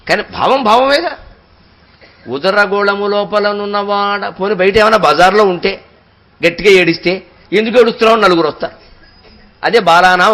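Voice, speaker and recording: A man giving a devotional discourse, telling stories expressively and chanting verses slowly and at length. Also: high-pitched. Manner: expressive storytelling, slow drawn-out verse recitation. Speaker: spiritual discourse speaker.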